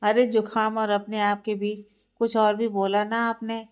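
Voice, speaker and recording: A woman's voice: medium pitch, level tone, unhurried, clean tone, lightly acted. A woman voicing an earnest, affectionate young man who questions his fiancée on a phone call in a read-aloud story. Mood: questioning.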